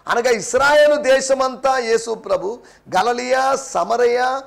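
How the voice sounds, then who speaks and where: A pastor preaches with a high, gravelly voice that rasps at the edges. He drives each point home by repeating it and slipping into English. He sounds emphatic and insistent throughout. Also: slow. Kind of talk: sermon.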